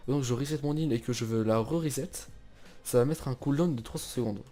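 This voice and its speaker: A young man hosting a casual game server tutorial, chatty and relaxed, with many fillers and restarts. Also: mid-range voice, brisk, faint music behind. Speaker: tutorial host.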